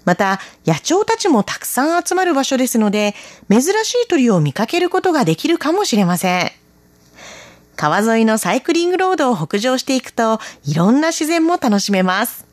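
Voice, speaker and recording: Woman, radio travel presenter, gentle explanatory read, lively pitch, dry close studio mic. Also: normal speed, dry recording. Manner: gentle, explanatory, friendly recommendations. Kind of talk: scripted travel narration.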